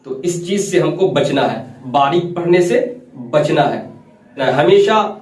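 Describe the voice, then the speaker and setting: A man teaches Quran recitation in a patient, step-by-step way, putting questions to his listeners and answering them. He slows down to draw out letter sounds as examples. His fairly high voice is picked up from some distance in a roomy, echoing space. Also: animated, darkish tone. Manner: repeats key points and asks the class questions, then answers them; drawn-out demonstrations of letter sounds. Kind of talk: step-by-step tajweed lesson.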